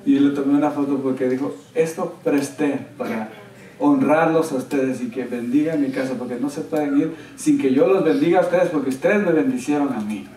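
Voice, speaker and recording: A man preaching a sermon as a pastor, telling a story and acting out what people said with an excited, animated delivery. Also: mid-range voice, fairly quick. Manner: animated storyteller, quoting others with raised excited voice. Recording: roomy church sound, from a distance.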